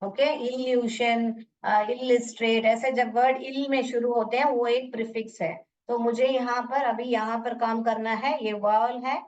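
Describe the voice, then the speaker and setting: A woman teaches a phonics lesson, breaking words into sounds one piece at a time. She speaks very slowly in a fairly high voice. The recording is muffled and she sounds far from the mic. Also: steady tone, darkish tone, a little hiss or hum. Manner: mixes Hindi with English teaching phrases.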